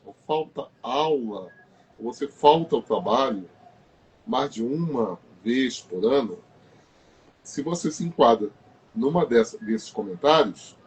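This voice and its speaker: A man's voice: mid-range voice, slight background noise. A man hosting a live health stream, emphatic and repeating his key phrases. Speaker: host.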